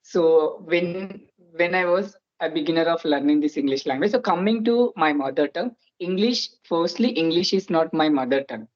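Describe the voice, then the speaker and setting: In dull audio, a twenty-something host speaks at a moderate pace in a medium-pitched voice. Telugu is their native language, which shapes their Indian accent, and they chat earnestly in a casual interview, frequently starting with "so."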